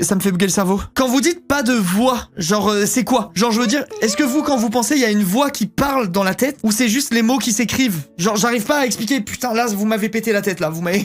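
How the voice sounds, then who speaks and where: Young guy streaming, high voice, talks super fast, keeps going wait wait. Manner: rambling, restarts, keeps saying wait. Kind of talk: casual live-stream chat with viewers.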